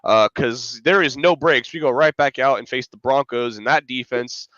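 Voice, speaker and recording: This podcast co-host and fan analyst talks at a moderate pace in a mid-range, fairly bright voice, congested and stuffy from a cold. His casual sports chat rambles, full of fillers and frequent restarts. The audio is muffled but free of echo.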